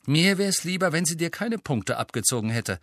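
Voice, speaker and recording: A man's voice: fairly high pitch, animated, normal speed, fairly bright tone, no room sound, clean studio sound, voice pushed up. A man reading aloud, voicing an earnest, sensible teenage girl.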